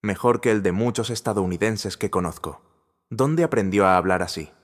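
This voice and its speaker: A wealthy middle-aged businessman speaks in a firm, deliberate way, as a male narrator puts him on. His voice sits fairly low. A long reverb follows each line. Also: lively intonation, natural voice. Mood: impressed.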